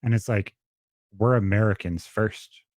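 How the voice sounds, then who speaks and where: A young podcast co-host talks politics casually over a remote call that has dropouts, speaking bluntly and swearing a lot. His lowish voice keeps a measured pace and sounds a little mellow. The recording is dry and studio quality.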